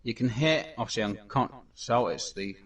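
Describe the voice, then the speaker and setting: A man's voice: mid-range voice, moderate pace, fairly bright tone, recorded from a distance. A man hosting a casual gameplay commentary, talking in a rambling way with many fillers and restarts. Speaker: gaming channel host.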